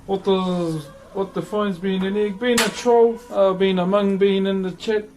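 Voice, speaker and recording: A man's voice: high-pitched, fairly even intonation, unhurried, rough recording. A man with a broad New Zealand accent chats casually to livestream viewers in a laid-back, slangy, matey way. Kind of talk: casual livestream chat while wood carving.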